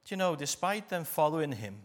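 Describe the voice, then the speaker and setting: British preacher with a Derbyshire accent, higher-pitched man. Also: big pitch swings, brisk. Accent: Derbyshire, English East Midlands. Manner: emphatic, repeats phrases for weight. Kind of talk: church sermon. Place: speaking live to a church congregation.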